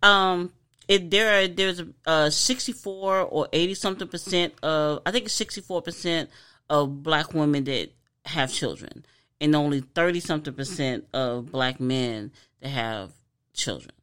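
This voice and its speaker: A woman's voice: deep voice, unhurried, a bit bright, clear, resonant tone. A woman co-hosting a casual podcast, giving earnest advice and often restarting her sentences. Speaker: podcast co-host.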